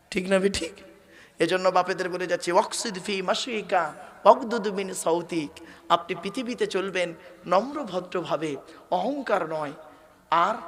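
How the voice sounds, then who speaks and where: High-voiced preacher chanting a sermon. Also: male voice, fairly bright tone. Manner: repeats phrases, asks the crowd "right or wrong?"; chants Quranic verses slowly and drawn out. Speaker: Islamic preacher. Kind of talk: waz sermon to a gathering.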